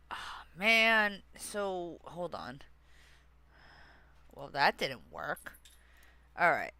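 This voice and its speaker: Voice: medium pitch, gravelly, bright, forceful tone, no room sound. A streamer chatting casually with viewers, rambling and easily sidetracked while working on screen, with many fillers and restarts. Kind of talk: casual livestream chat.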